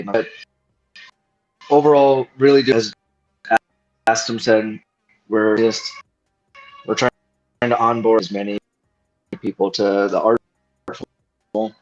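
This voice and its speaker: A man talking casually as a guest while travelling, his audio cutting in and out at an uneven volume and his speech coming out in halting fragments. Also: on the low side. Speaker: guest panelist. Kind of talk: casual chat. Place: travelling, on the move. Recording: dull, choppy mobile connection with faint music.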